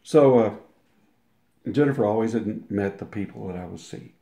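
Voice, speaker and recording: An older man with a lowish, creaky, mellow voice speaks at a moderate pace as an interview guest. In casual storytelling mode, he rambles through a long personal anecdote, restarting and acting out quotes, in a room with noticeable echo.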